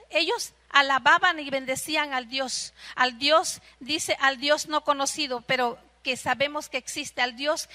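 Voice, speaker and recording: A woman's voice: sits high, pushed and bright. A woman preaching a sermon in Spanish with a Mexican accent, often checking in with the congregation with "¿sí?" and "¿verdad?". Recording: long hall reverb.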